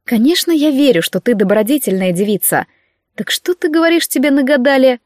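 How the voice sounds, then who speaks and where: A woman voicing a gentle, learned noble lady who speaks softly and in measured tones. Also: animated, no echo, clean studio sound. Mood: gentle calm. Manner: soft, lower, measured.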